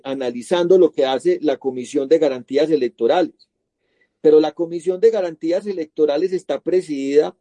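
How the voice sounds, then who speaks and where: A man answering as a guest analyst, lecturing through a list of legal points and asking himself rhetorical questions. His voice sits fairly high yet sounds very dark and mellow, and it is recorded close and dry. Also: no echo. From Colombia. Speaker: guest analyst on electoral crime. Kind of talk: explanatory interview answer.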